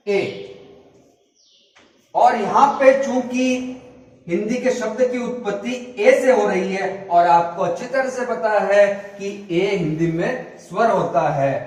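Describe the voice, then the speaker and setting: A male teacher giving a grammar lesson, patiently spelling words out letter by letter. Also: high voice. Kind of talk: classroom lesson explaining grammar. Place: classroom or school room. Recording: echoey room, voice from far off.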